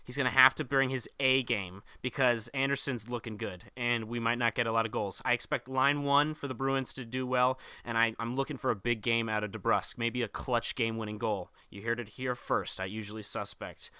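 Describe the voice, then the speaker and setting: Bright, crisp-voiced male podcast host. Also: medium pitch, fairly even intonation, moderate pace, no echo. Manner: loose, jokey delivery with laughs and playful bits. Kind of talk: casual podcast chat with sports updates.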